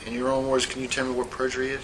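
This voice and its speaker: A man's voice: mid-range voice, completely flat delivery. Give me a male interrogator on an old recorded interview tape, faint hiss. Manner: measured, procedural, reads out formal statements. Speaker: internal affairs sergeant. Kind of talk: formal sworn-statement questioning. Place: interview room.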